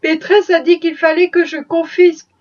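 A woman's voice: very high-pitched, level tone, normal speed. A woman reading aloud, voicing a mischievous young servant girl who speaks in broken phrases. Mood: naive. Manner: broken speech, naive. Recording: dull distant recording.

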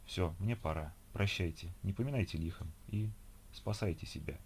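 A man voicing a calm, serene young man speaking softly and gently in an audiobook. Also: low-pitched, moderate pace, slight background noise, natural voice. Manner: soft, gentle, quiet.

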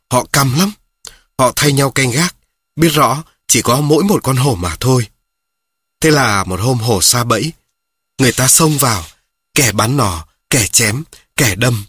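A man reads children's stories aloud at a steady, measured pace. His voice is husky and sits in a middle pitch. The recording is dry and close, with no room sound. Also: dry recording. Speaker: storyteller. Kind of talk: scripted storytelling narration for children.

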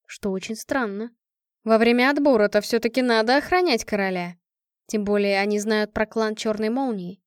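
A woman narrating a fantasy story in the first person, lively and expressive. Her voice is fairly high, and the dry, close sound has no room around it. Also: moderate pace, clear, resonant tone, dry recording. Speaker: audiobook narrator.

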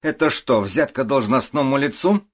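A blunt, stubborn woman police officer, as a male narrator puts her on, clipped and sardonic, with her voice pushed up high. The tone is husky and a little rough. Audiobook reading. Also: expressive, moderate pace, close to an everyday voice. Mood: curt. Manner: curt, sardonic.

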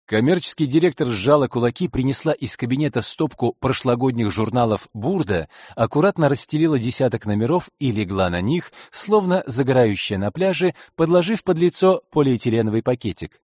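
A man reading a humorous crime story aloud, expressive and ironic. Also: mid-range voice, brisk, few pauses, no room sound, clean studio sound. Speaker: audiobook narrator. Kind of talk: scripted narration.

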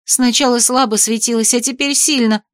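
A woman's voice: a little high, fairly even intonation, moderate pace, no echo, studio quality, close to an everyday voice. Woman as a scared young heroine; urgent, pleading, raised voice. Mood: desperate.

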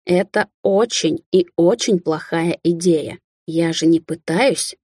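A strong man delivers cold, measured threats slowly and softly, as a woman voices him in an audiobook. Her low, dark, husky voice carries it. The recording is dry. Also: dry recording. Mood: hissing. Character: strong protective man, cold and quietly menacing.

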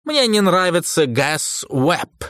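A man reading an audiobook, voicing a cold, contemptuous male drama critic in a slow, lowered, disdainful voice. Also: sing-song, a bit bright, dry recording, clean studio sound, exaggerated voice. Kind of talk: audiobook character voice.

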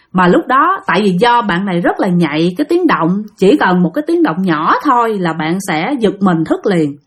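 Lively Southern Vietnamese woman telling stories. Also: mid-range voice. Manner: chatty, addresses listeners directly, acts out quotes. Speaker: storyteller. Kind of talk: spoken ghost story narration.

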